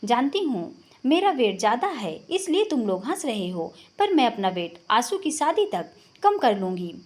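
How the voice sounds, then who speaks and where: A woman's voice: fairly high pitch, sing-song, moderate pace. A woman voicing a chatty, boastful middle-aged aunt.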